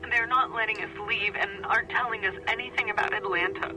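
A woman's voice: medium pitch, steady tone, fast, natural voice, low-quality recording. Woman playing a worried mom on voicemail, pleading, game music under it. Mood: anxious. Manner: anxious and pleading. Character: worried mother leaving phone messages. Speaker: voice-mail caller in a game. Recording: answering-machine playback with music.

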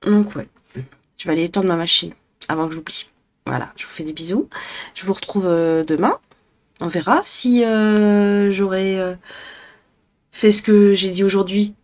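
A woman's voice: medium pitch, steady tone, moderate pace, long pauses, darkish tone. A young woman from northern France chatting at home in a casual vlog, rambling and hesitant with many fillers. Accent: northern French. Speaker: vlogger. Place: apartment at home.

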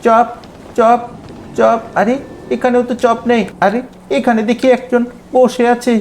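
A man's voice: extremely high pitch, slow, a little hiss or hum, exaggerated voice. A man voicing a cheeky, mischievous little boy as role-play commentary over a game. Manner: childish, excitable, calls out repeatedly. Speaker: gameplay creator.

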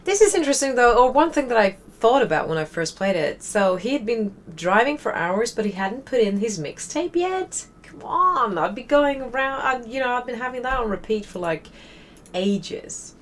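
Commenting casually over her gameplay, this young let's play host with a Swedish accent is chatty and rambling, tossing in wry remarks. Her voice runs on the high side with big pitch swings, and she talks at a normal speed.

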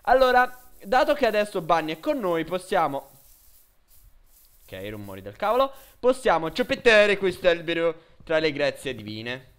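A man giving excitable let's play commentary, swinging between loud shouts and low grumbling. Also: normal speed, smooth. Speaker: gamer.

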